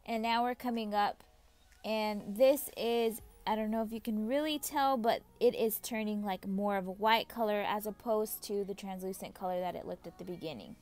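A woman's voice: medium pitch, moderate pace, a little mellow, soft background music. A woman narrating a step-by-step cooking tutorial as the channel host, giving friendly, repetitive instructions straight to the viewer. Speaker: home cook and channel host.

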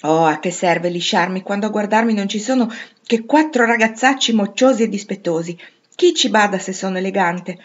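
A woman's voice: medium pitch, normal speed, slightly rough, lo-fi sound, natural voice. A woman voicing a sulky older teenage sister who complains about being poor. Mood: grumbling. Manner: complaining, petulant. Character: sulky elder teenage sister, longing for luxury.

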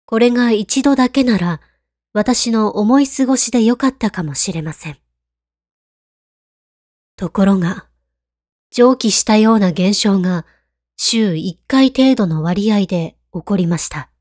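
Woman reading scary stories, hushed n creepy, soft dark voice, really dry recording. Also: mid-range voice, unhurried, long pauses, no room sound. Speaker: ghost story narrator. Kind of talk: scripted horror story narration.

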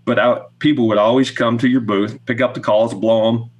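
A man's voice: medium pitch, fairly even intonation, fairly quick, a little mellow. A middle-aged man giving casual, plain-spoken explanations as an interview guest on a podcast. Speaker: podcast guest, goose call maker. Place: small indoor room with wooden shelves, on video call.

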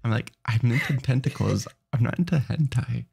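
A man's voice: mid-range voice, normal speed, vocal fry, darkish tone, slightly rough. A sleepy man streaming late at night, rambling and restarting his sentences as he chats. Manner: rambling, self-interrupting, tired.

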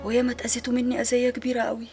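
A woman's voice: a little high, monotone, rapid-fire, lightly acted. An actress with an Egyptian accent playing a distraught young woman who has lost her baby, sobbing and crying out in grief in a TV drama. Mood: tearful. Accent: Egyptian Arabic. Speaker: grieving daughter. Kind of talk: TV drama acting. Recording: music score underneath.

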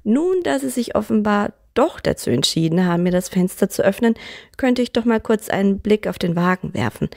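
A woman's voice: mid-range voice, expressive, brisk, vocal fry, darkish tone, dry recording, studio quality. Woman reading as a teasing young stranger. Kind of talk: audiobook reading.

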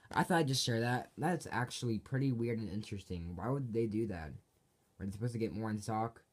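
A man with a lowish, slightly mellow voice gives an unscripted Halloween prop review on his own channel. He wanders, repeats points and corrects himself. Background noise comes through in the amateur home recording.

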